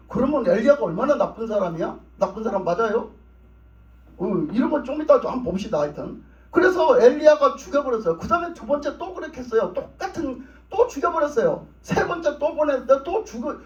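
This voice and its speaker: A male pastor preaching a sermon in a church sanctuary, in a plain conversational way, often asking the congregation questions and answering them himself. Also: very high voice. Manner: plain conversational speech with repeated phrases. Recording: roomy, distant, dull church recording.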